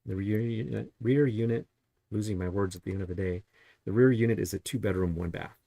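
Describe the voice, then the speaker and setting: A man's voice: fairly low pitch, a little fast, gravelly, warm tone, dry recording. A man working as a real estate agent, casually talking through property listings in a chatty way and tossing out rhetorical questions. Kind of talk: casual market review while browsing listings.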